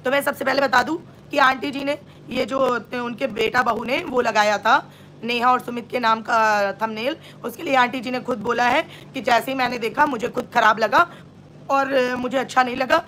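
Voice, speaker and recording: Woman vlogger, high voice, sore throat, sarcastic scolding rant. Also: fairly even intonation, normal speed, pushed and bright, a little hiss or hum. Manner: scolding, sarcastic, rhetorical questions. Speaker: reaction vlogger. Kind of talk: live-stream reaction rant.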